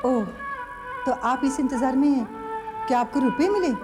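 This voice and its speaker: A hurt young wife and loyal daughter, played by a woman in a TV serial, her high voice pleading and emotional. Music plays under the scene. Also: moderate pace, close to an everyday voice. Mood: indignant. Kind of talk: TV serial acting. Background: background music score.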